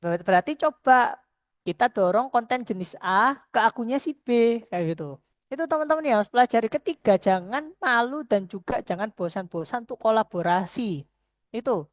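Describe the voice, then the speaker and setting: A middle-aged woman lecturer talks to students in a loose, conversational way, circling back to drive her points home. Her voice sits fairly high, and the sound is dry and close. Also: animated, normal speed, no echo. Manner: conversational, earnest, repeats herself for emphasis.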